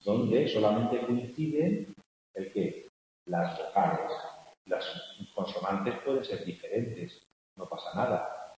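A man, teaching a class on poetic meter and often asking "¿no?" to check his students are following. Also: fairly low pitch. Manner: chants vowels loudly when scanning verse. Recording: echoey hall with faint hiss, mic far off.

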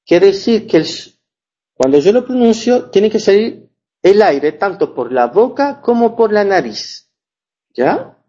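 A man teaching a French lesson, explaining pronunciation slowly and often checking that his students follow. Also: sits high, very animated, warm tone, dull audio. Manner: slow, repeats and checks understanding often. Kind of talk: language lesson.

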